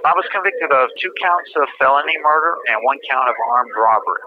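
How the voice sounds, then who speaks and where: A man on a prison phone line, telling his own story in a plain, halting way with many fillers. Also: fairly high pitch, lively intonation. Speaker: incarcerated interviewee. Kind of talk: casual personal account. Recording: dull prison phone line with music under it.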